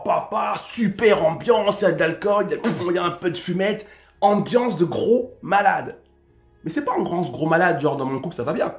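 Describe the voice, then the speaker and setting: A man with a French accent, a relationship coach talking casually and directly to his viewers in slangy, animated speech. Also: sits high, echoey room. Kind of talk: casual monologue to camera.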